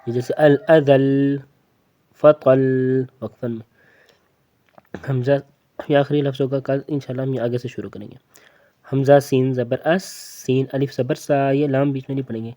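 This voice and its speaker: A man with a mellow, dark voice and a Pakistani Urdu accent leads a slow Quran reading lesson. He patiently spells out each letter and repeats words as a drill. His delivery is steady and methodical, like a classroom teacher. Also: mid-range voice.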